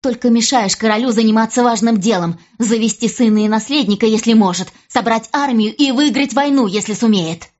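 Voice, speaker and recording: A woman's voice: fairly high pitch, brisk, hardly any pauses, darkish tone, highs cut off, voice pushed up, natural voice. A woman voicing a proud, scheming young noblewoman who scolds and threatens her sister in an audiobook. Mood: angry. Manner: bitter, cutting, hisses threats.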